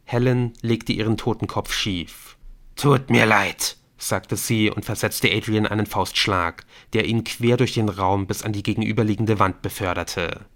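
A man narrating a thriller audiobook in a steady, measured way. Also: lowish voice. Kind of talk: scripted narration.

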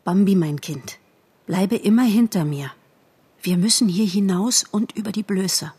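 A woman voicing an anxious, tender mother deer with soft, urgent warnings. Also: medium pitch, unhurried, breathy edge.

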